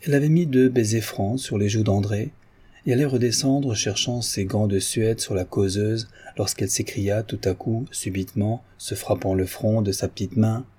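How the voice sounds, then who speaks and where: A man reading a classic novel aloud as an audiobook narrator in a measured, literary way. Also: on the low side, warm tone, breathy edge.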